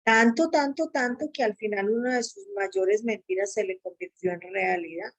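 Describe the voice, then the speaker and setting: Woman, earnest personal testimony; dramatizes quotes with pitch leaps. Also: normal speed, rough recording. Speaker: speaker giving a testimony.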